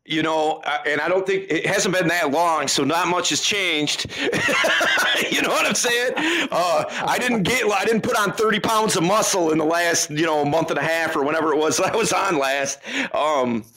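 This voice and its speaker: A man with a voice on the high side and a sharp tone speaks at normal speed as a podcast guest in a casual interview. He's a dating coach, emphatic and loose, often tossing in "man" as he makes his points. There's a little hiss or hum in the recording.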